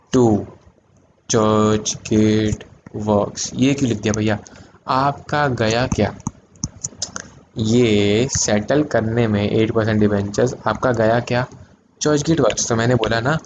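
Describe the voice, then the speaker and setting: A man teaching an accounting lesson in mixed Hindi and English, asking his students questions and answering them himself, with sudden loud emphatic bursts. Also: fairly low pitch, highs cut off, noisy background. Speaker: commerce teacher. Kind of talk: classroom-style video lesson.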